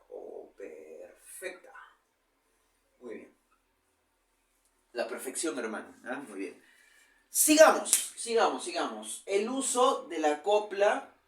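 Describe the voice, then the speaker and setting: A man's voice: a little high, distant mic. Male teacher in an echoey room. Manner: explanatory, checks in with frequent "¿ya?". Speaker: literature teacher. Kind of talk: virtual class lecture.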